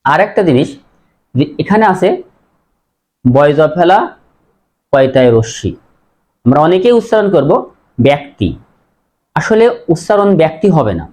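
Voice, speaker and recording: A man with a high voice teaches pronunciation rules. He works through each example slowly, repeats the words and poses questions to his students as he goes. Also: expressive, darkish tone. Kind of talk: Bengali pronunciation lesson.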